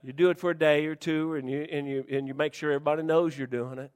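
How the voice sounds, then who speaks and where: Male pastor, high-pitched, folksy and teasing, loud to hushed, church reverb. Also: fairly even intonation, fast, clean tone. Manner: folksy, joking preacher who swings from shouting to hushed. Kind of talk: sermon.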